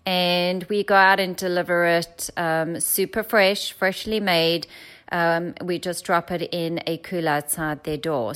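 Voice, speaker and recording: A young South African woman speaks in a smooth, resonant voice. She talks steadily and fluently as a founder being interviewed, with only the odd um. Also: mid-range voice. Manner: fluent, steady, with occasional ums. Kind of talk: pitching her business in an interview.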